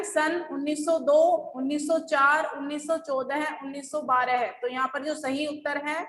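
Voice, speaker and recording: A woman's voice: high-pitched, a bit bright, echoey room, slight background noise, rough recording. A woman schoolteacher going over lesson answers, explaining patiently step by step. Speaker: school teacher. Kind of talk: recorded class lesson.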